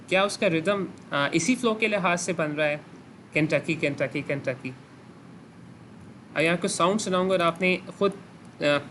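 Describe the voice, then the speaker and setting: Over a video call, a medical teacher walks his students through a clinical lesson step by step, quizzing them and slipping in English phrases. His pitch is fairly high and a bit bright, and there's slight background noise.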